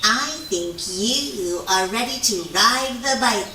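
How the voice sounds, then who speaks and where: A woman's voice: on the high side, takes it slowly, bright, forceful tone, slight background noise, exaggerated voice. A woman voicing a showy, wise male otter who teaches theatrically in a children's puppet show. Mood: grand, encouraging. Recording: echoey, distant microphone.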